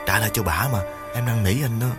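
A man's voice: lowish voice, fairly quick, over music, natural voice. Brief: panicky, pleading young thief, begging nonstop, voiced by the male narrator. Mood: scared, pleading. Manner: pleading, repeats "anh hai" over and over. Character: frightened young petty thief, whimpering.

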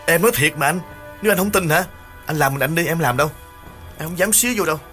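A man's voice: on the low side, fairly quick, soft background music, lightly acted. A man voicing a frightened young petty thief, pleading and begging his older brother again and again. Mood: scared, pleading. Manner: pleading, repeats "anh hai" over and over.

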